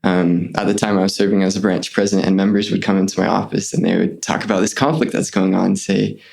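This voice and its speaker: A man's voice: deep voice, fast talker, gravelly. A young man, a guest on an interview podcast, earnestly telling a story of his missionary service. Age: young adult. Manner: earnest, animated retelling with quoted voices.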